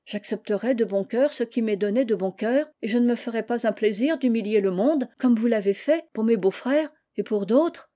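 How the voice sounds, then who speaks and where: Storybook: a frank, spirited village woman, read by a woman, blunt country speech, mellow tone. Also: on the high side, normal speed, hardly any pauses, natural voice. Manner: blunt, outspoken country talk. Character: frank, spirited peasant bride at a village wedding.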